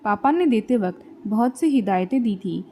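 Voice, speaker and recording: A woman's voice: mid-range voice, animated, normal speed, dark tone, a little hiss or hum. A woman narrating a comic coming-of-age story in a conversational, wry style. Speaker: audiobook narrator.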